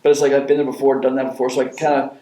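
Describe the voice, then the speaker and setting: Man, 40s, panel guest, lively storyteller, roomy echo. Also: medium pitch, very fast, recorded from a distance. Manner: animated storyteller, acts out quotes. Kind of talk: casual discussion. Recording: echoey room.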